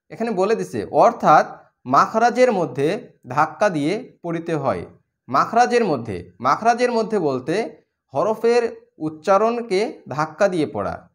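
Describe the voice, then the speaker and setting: A man with a Bangladeshi Bengali accent teaching Quran reading, spelling out letters and vowels and repeating each syllable. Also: high-pitched. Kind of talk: step-by-step recitation lesson.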